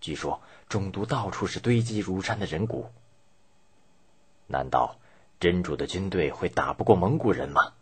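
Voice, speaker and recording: An anxious townsman played by a male narrator in a history story, fearing invasion. The voice is low and husky, with uneasy, dramatic swings in intonation. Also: expressive, moderate pace, a bit bright, heavily acted. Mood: anxious, fearful.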